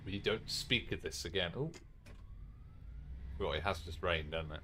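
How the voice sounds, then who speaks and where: A game streamer casually commentates a train game live, chatting with viewers, swearing, and poking fun at himself. His low voice sounds pushed and bright at a moderate pace. There's a little hiss or hum.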